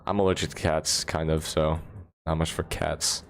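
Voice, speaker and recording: Casting: low-voiced American man, loose livestream chatter, laughs a lot, phone mic at home. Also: level tone, moderate pace, vocal fry. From United States. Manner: rambling, laughs often, answers chat questions. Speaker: livestream host. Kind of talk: casual livestream chat.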